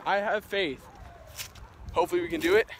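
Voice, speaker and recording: Excitable high-voiced teen boy outdoors. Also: fairly quick, background noise. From Texas. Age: teens. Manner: excitable, says dude and bro a lot. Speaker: fishing vlogger. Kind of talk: casual vlog. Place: outdoors by suburban ponds. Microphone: handheld or body-mounted action camera.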